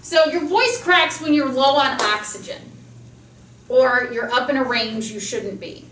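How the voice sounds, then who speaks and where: A woman speech teacher giving a chatty, fast-talking classroom lecture. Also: high-pitched, a bit bright. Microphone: camera mic across a classroom. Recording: roomy, distant classroom sound with faint noise.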